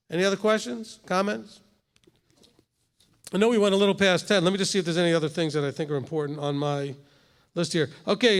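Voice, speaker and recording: In a large congregation hall, a rabbi in his fifties with a high, slightly bright voice leads Torah study. He keeps the tone conversational and keeps asking "okay?"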